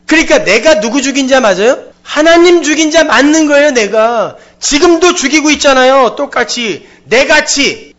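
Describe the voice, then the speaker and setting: A male preacher with a high-pitched voice delivers a dramatic sermon, sinking into hushed low asides and then rising into forceful emphasis. He acts out dialogue as he goes. The recording sounds dull and lo-fi. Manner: acts out quoted speech of God and Cain. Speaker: pastor.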